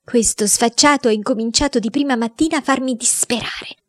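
A woman voicing a shrill, spiteful aunt who scolds a boy in an indignant, screechy voice. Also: very animated, measured pace, no echo. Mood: furious.

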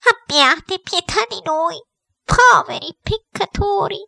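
A woman reading aloud, voicing a pious, fawning older woman who pleads with a spirit in a high, imploring voice. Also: lively intonation, slow, creaky, bright, forceful tone, no echo, clean studio sound, full character voice. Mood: pleading.

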